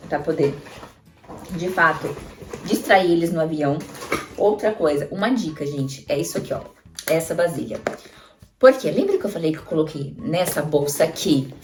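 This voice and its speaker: A chatty Brazilian mom vlogger with a lowish, slightly mellow voice and a Brazilian Portuguese accent gives casual show-and-tell tips, often addressing viewers directly with tag questions. The mic sits at a distance in an echoey room, with faint music playing.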